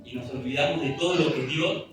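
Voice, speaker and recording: A man's voice: a little high, fairly quick. A man preaching a sermon, reading scripture aloud in an earnest, pleading way. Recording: echoey room, distant mic, music behind.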